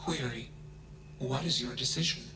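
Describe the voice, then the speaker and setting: A man's voice: medium pitch, moderate pace, reverberant, background noise, close to an everyday voice. An actor playing an emotionless male-voiced AI machine that speaks in terse, clipped announcements.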